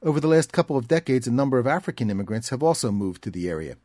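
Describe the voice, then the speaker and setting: Guy reading documentary narration, steady and measured, dry close sound. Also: mid-range voice, no room sound. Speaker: narrator and reporter.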